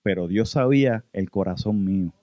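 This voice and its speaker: A man's voice: lowish voice, normal speed, warm tone, no room sound, highs cut off. A man with a Puerto Rican accent preaching an earnest sermon testimony, often addressing listeners as brothers. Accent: Puerto Rican Spanish. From Puerto Rico.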